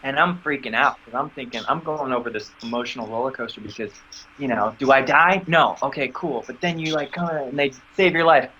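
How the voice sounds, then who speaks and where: A man's voice: fairly quick, highs cut off, slight background noise. A man being interviewed about acting work, telling a story in a casual way and acting out the dialogue he quotes. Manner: animated, acts out quoted dialogue with sudden high squeaks. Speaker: actor interview guest.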